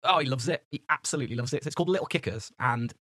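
Fast-talking man, chatty. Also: mid-range voice, sharp tone, no echo, clean studio sound. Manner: chatty, laughs often, slangy. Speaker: podcast co-host. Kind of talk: casual chat.

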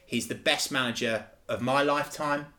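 A man's voice: mid-range voice, fairly even intonation, moderate pace, bright, forceful tone. Emphatic, enthusiastic man. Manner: enthusiastic, emphatic, repeats himself. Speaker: podcast co-host. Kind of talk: casual football podcast chat.

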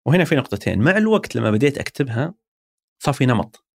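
An interview guest with a Saudi accent, who once worked as a marketing executive, speaks in a medium-pitched, creaky voice with a darkish tone and a sing-song, rapid-fire delivery. He reflects thoughtfully in a conversational interview and explains ideas using everyday examples.

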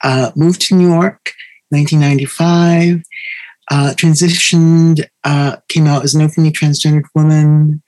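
Middle-aged woman with dry sound, measured pauses. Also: low-pitched, level tone, a little mellow, no room sound, rough recording. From US Midwest. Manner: measured, fact-listing, with frequent "uh" pauses. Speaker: panelist. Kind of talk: self-introduction on a panel.

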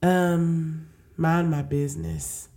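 A woman co-hosting a casual chat, expressive and playful. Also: sits low, slow, creaky. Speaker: co-host.

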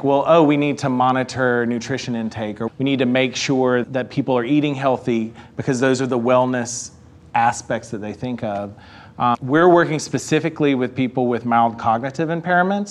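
Man, panel talk, casual and animated, mid-pitched voice. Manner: casual, animated, says "like" and "right" often. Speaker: researcher. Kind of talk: panel discussion.

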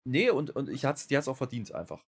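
A man's voice: mid-range voice, big pitch swings, fast, slightly rough. Rambling German man on a podcast. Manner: rambling, many fillers and restarts, gets worked up. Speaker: podcast co-host. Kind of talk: casual wrestling podcast chat.

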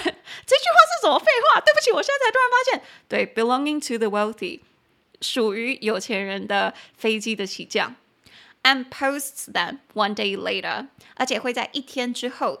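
A woman hosting a podcast English lesson, chatty and going slowly when she spells words and syllables. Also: mid-range voice, a bit bright. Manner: chatty asides to the listener. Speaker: podcast host and English teacher.

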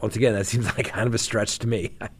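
This criminal defense attorney hosts a show where he reads crime news aloud, then jokes about it with wry commentary. His husky voice sits on the low side, and he talks fast in an animated way.

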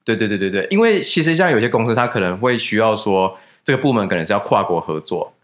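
A man's voice: fairly low pitch, lively intonation, fast talker, a bit bright. A young man, a guest in a casual podcast chat, who explains things at length and laughs easily.

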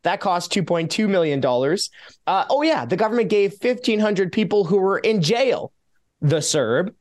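A Canadian man, a taxpayer advocate guest on a casual radio interview, talking in an animated, sarcastic way as he lists figures. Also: sits high, normal speed.

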